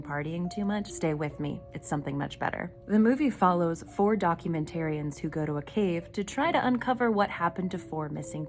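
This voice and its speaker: A woman with a fairly low voice delivers a casual video review. She talks in a conversational, emphatic way, like she is recommending something to viewers. Music plays clearly behind her. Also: darkish tone. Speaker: film reviewer.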